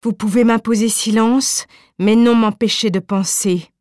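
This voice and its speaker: A woman reading the part of a proud young wife who answers coldly and calmly. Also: fairly high pitch, no room sound, clean studio sound, close to an everyday voice. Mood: defiant. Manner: cold, measured, dignified. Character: proud defiant young wife, icily calm. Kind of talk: audiobook reading.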